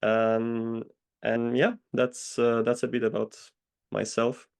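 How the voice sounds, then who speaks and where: A man from Poland, answering interview questions in a measured, hesitant way over a video call. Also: medium pitch, completely flat delivery, vocal fry, clear, resonant tone. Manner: measured, hesitant with many pauses. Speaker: guest consultant.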